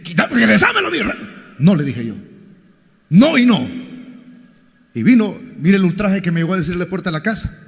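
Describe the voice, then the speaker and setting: A man preaches in a church, his high voice swinging wildly from mocking asides to shouted appeals. His tone has a gravelly edge, and it rings out with a long hall echo around it. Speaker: pastor. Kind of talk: sermon.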